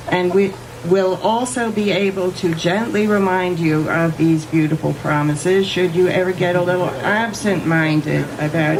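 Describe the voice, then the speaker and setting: A woman officiant speaking in measured, solemn, deliberate phrases, as in a ceremonial address or poetry reading, recorded live. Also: lowish voice, poor audio. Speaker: wedding officiant. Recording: live ceremony with background noise.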